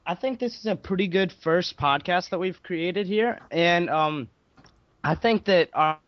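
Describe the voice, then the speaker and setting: A young man with a slightly higher voice talking hesitantly on a podcast, filling gaps with ums and likes. His voice comes through a dull, muffled mic. The sound is dry and close. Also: no echo. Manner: hesitant, filler-heavy. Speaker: podcast co-host. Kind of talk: casual podcast chat.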